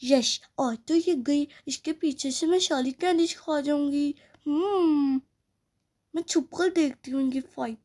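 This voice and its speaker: A woman's voice: sits high, a little slow, mellow. A woman voicing a sneaky tattletale girl doll who schemes and talks asides to herself, in a doll play story.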